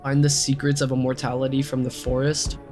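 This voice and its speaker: A man's voice: mid-range voice, monotone, brisk, music in the background, close to an everyday voice. A man voicing a desperate, conspiracy-minded father on the run in a game, urgent and earnest. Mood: grateful, fervent.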